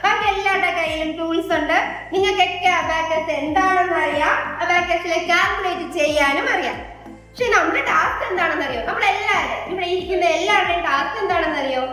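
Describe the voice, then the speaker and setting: A woman teacher leads a group of children in an abacus class, coaxing answers in a sing-song voice. Her voice sits very high and sounds bright and forceful. The classroom rings with heavy echo, and faint music plays behind her. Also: brisk. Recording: very echoey room with faint music.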